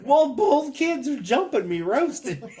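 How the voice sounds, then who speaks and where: A man who hosts a podcast tells a comic family story in casual chat. He is animated and profane, laughs mid-sentence, and acts out other people's lines. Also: very high-pitched, normal speed. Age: adult father. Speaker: podcast host.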